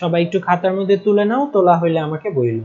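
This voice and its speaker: A man's voice: high-pitched, animated, fast, narrow, tinny audio. A young man with a Bangladeshi Bengali accent, teaching a live online class, patient and repeating key terms while often asking if students follow. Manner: patient, checks in often with "ঠিক আছে?"; stresses spelling and pronunciation, repeating terms.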